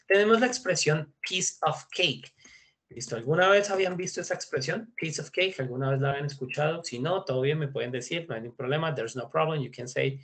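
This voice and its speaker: A man teaching an online English class, chatty and mixing English phrases into his explanations. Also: mid-range voice. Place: video call.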